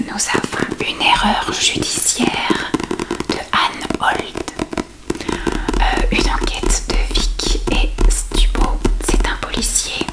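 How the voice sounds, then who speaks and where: A woman speaks in a soft, hushed library whisper, chatting casually about books and reading aloud in an unhurried ASMR style. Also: low-quality recording. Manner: unhurried, reads blurbs aloud between casual remarks. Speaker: ASMR host showing books. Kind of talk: whispered ASMR book chat.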